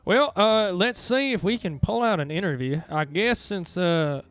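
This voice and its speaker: A man's voice: high voice, measured pace, a bit bright, clean tone, no echo, soft background music. A man casting a live esports match and then interviewing the winning team, upbeat with casual fillers. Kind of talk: live esports play-by-play commentary.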